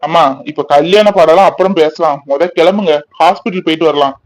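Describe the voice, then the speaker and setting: An irritable young man in a cartoon grumbles and mocks in quick bursts, voiced by a man. His voice sits a little high and the words come fast. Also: natural voice. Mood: dismissive. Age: 20s. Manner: sarcastic, grumbling, impatient. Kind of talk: cartoon voice acting.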